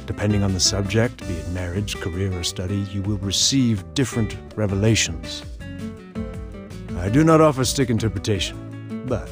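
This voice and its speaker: An actor playing a stoic, principled temple monk in a video game, speaking in a measured, formal way. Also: male voice, fairly low pitch, close to an everyday voice. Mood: matter-of-fact. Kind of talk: game voice acting. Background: music.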